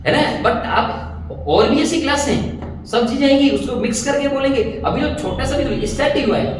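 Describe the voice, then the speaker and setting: A man with a high voice teaches a class, encouraging his students and repeating drill phrases. His English comes out slow and careful. He sounds far from the mic in a very echoey room with a faint hiss behind him. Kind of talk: classroom teaching, mixing two languages.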